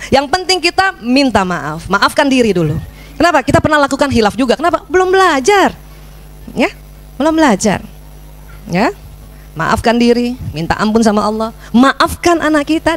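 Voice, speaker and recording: A middle-aged woman giving a religious parenting lecture, lively and teasing her audience with questions. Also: a little high. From Indonesia.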